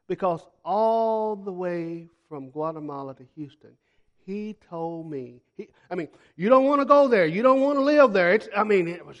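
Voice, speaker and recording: Preaching to his congregation, this missionary has a high-pitched voice and leans on folksy storytelling throughout his sermon. Phrases come back again and again for emphasis as he shifts from booming to near-whispers.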